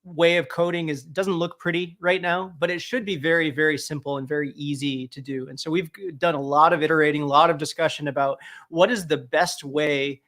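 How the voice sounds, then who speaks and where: A man's voice: fairly high pitch, fairly even intonation, a little fast, few pauses, fairly bright tone. A man from the dev team explaining design ideas in casual talk, restarting sentences as he goes.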